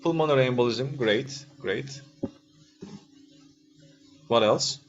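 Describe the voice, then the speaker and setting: Over a dull, lo-fi video call with faint noise and soft background music, a Turkish-accented man teaches radiology in English as a second language. He takes it slowly in a mid-range voice, keeping the lecture informal and interactive, hesitating in his phrasing and frequently checking in with questions.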